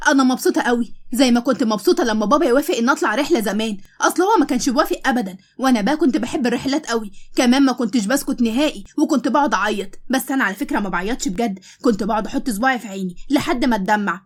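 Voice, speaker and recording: A young woman with an Egyptian Arabic accent, narrating a first-person story in a lively, chatty way. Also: fairly high pitch, very fast.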